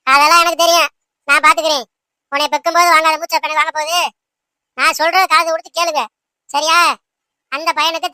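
A protective mother of the house talks back briskly and firmly in this cartoon. Her voice is high and bright and is recorded dry and close. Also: no room sound. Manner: brisk, snappy retorts.

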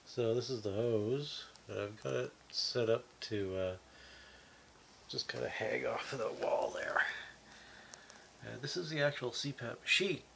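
A man talking from his bed through a breathing mask, his voice nasal and muffled, halting with many fillers. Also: medium pitch, vocal fry, a bit bright, slight background noise. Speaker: vlogger. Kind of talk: casual talk to camera. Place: bedroom, lying in bed.

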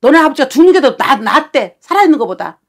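A woman's voice: high-pitched, big pitch swings, fast. A woman shaman giving a fortune-telling session, talking bluntly and scolding with coarse words.

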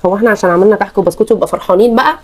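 A woman's voice: mid-range voice, rapid-fire, darkish tone, natural voice. A woman with an Egyptian Arabic accent playing a mother who pleads and argues for her daughter. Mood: arguing. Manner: pleading, insistent. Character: caring young mother, stubborn in arguments.

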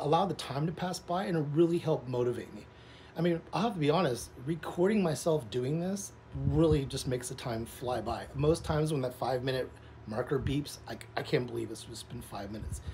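A man's voice: medium pitch, a little mellow. A man in his forties talking casually and in a rambling, informal way, as a vlogger speaking to camera outdoors. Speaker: vlogger, social media content creator. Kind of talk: casual vlog chat to camera. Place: outdoors, in a pool. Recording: clearly noisy outdoor ambience.

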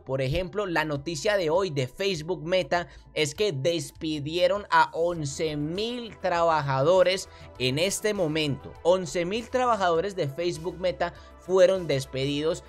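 A young man casually talking viewers through a website from his desk, animated and friendly, calling them family. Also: fairly high pitch. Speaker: crypto YouTuber. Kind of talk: casual commentary over screen share. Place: small room at desk.

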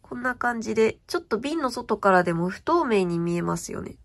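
A woman's voice: mid-range voice, lively intonation, a little fast. A young woman chatting casually as she shows off her stationery purchases, gushing and often asking viewers if the sparkle comes across. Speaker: stationery vlogger. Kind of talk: casual show-and-tell chat.

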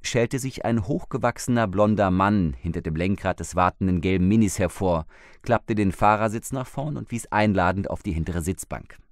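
A man reading a crime audiobook aloud in measured, even narration into a close studio mic. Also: low-pitched, dry recording. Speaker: audiobook reader. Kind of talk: scripted narration.

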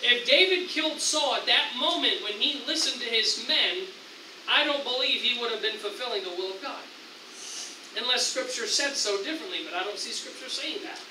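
A man with an American accent preaching a sermon as pastor, animated, acting out tempting voices with excited raised lines. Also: extremely high pitch, normal speed, roomy sound, recorded from a distance, background noise. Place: church sanctuary.

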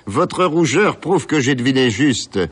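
A man's voice: mid-range voice, lively intonation, slightly rough. A man reading aloud as a cynical young man who mocks his father, laughing and sneering. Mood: mocking. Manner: mocking, laughing, quick shifts of tone. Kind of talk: dramatic reading of a novel.

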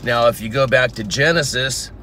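A man's voice: mid-range voice, moderate pace, bright, forceful tone, a little hiss or hum. A man teaching the Bible informally outdoors in a garden, reading scripture aloud and explaining it verse by verse.

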